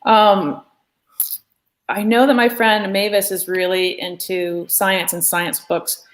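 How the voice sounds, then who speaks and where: A woman's voice: mid-range voice, flat delivery, takes it slowly, low-quality recording. A woman hosting a live art lesson, talking casually and rambling with filler words. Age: adult. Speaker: art class host. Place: art studio room.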